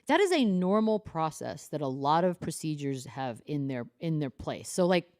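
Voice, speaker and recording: A woman co-hosting a sports podcast, chatting casually with wry, quick reactions. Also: low voice, sing-song, a little mellow. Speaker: podcast co-host.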